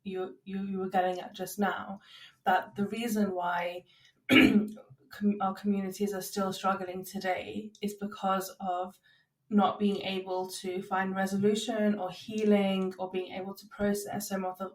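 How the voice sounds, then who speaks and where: A woman hosting a podcast, asking measured, thoughtful questions. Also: medium pitch, little pitch movement. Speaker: podcast host. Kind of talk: interview questions. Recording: roomy echo.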